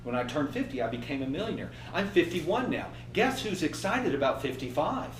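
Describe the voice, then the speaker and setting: A man in his fifties giving an animated motivational workshop talk and acting out inner voices. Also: a little high, brisk, reverberant, distant mic, a little hiss or hum, poor audio. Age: 50s. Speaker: trainer.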